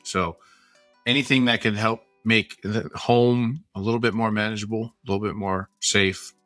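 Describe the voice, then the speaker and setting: A man's voice: lowish voice, steady tone, moderate pace, a bit bright, no echo, faint music behind. A man from American Samoa co-hosting a casual podcast chat, talking in a rambling, joking and supportive way. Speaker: podcast co-host.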